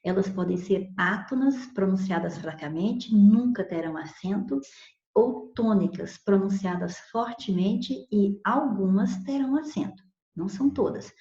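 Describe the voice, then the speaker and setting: A woman's voice: mid-range voice, darkish tone. A woman teacher explaining spelling rules patiently, repeating examples and checking in with "ok?". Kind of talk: recorded grammar lesson. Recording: echoey room, dull lo-fi sound.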